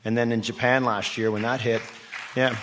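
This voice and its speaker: Crowd and background noise surround this mid-range, level-toned male voice speaking at a normal pace. He appears as an executive guest in a live radio interview, telling stories in a conversational, enthusiastic, persuasive manner and throwing rhetorical questions at the audience.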